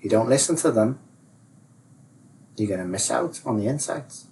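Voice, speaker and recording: A man's voice: mid-range voice, normal speed. A man guest in a casual chat, explaining ideas with lots of fillers and acting out inner voices in raised tones. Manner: animated, acts out inner voices, many "like, you know" fillers. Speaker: guest, self-realisation coach. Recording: distant mic with faint room noise.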